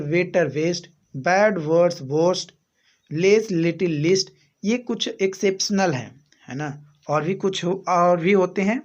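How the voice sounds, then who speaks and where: A man with an Indian accent teaching an English grammar lesson. He explains slowly, repeats each rule and asks rhetorical questions. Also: high-pitched, a little mellow. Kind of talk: slow classroom explanation. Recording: muffled lo-fi recording.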